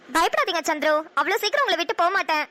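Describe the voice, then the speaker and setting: A woman's voice: very high-pitched, sing-song, pushed and bright, heavily acted. A woman voicing a bold young cartoon wife. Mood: tender. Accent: Kongu Tamil (Namakkal). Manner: outspoken and quick. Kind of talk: cartoon voice acting.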